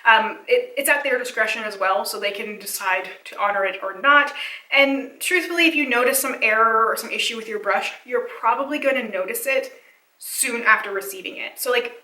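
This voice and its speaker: A woman giving a casual, analytical video essay commentary, chatty with many fillers, her voice slightly hoarse and cracking. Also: fairly high pitch, brisk, sharp tone, echoey room, far from the mic, low-quality recording.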